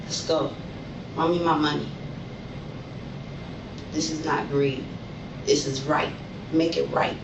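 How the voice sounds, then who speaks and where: A woman's voice: low-pitched, little pitch movement, slow, pauses often. A middle-aged woman in a police interview, talking in angry, defiant slang and demanding what she is owed. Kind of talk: interrogation-room talk. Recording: echoey room from far off, noisy.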